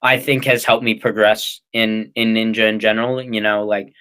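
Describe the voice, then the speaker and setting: This interview guest is a young adult American man who coaches and competes as a ninja athlete. He rambles and hesitates in casual answers, his lowish voice clear, resonant and a bit bright, with a level tone at a moderate pace.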